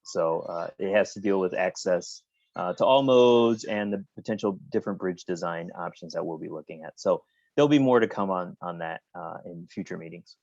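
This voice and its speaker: Low-voiced man, hesitant webinar Q&A on a dull video call. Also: moderate pace, gravelly, darkish tone. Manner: hesitant, many fillers and restarts. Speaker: project engineer answering public questions. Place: home office with work being done. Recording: muffled lo-fi video call audio.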